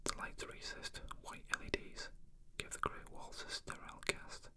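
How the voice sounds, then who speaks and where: A person reading a novel aloud in an unvoiced whisper, as ASMR narration. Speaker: reader.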